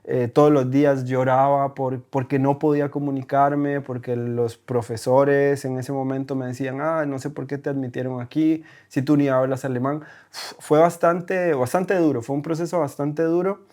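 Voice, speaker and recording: In a casual interview recorded in Berlin, a Costa Rican German teacher shares his story as a podcast guest. His mid-range voice has a darkish tone, delivered flatly at a moderate pace. He frequently hesitates and tacks on tag questions.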